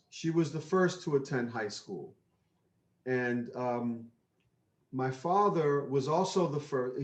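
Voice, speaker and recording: A man from the Bronx speaking as a guest in an interview, measured and thoughtful, with many pauses. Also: mid-range voice, darkish tone. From New York (the Bronx). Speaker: guest, father. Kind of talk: reflective interview talk. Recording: roomy, dull lo-fi sound.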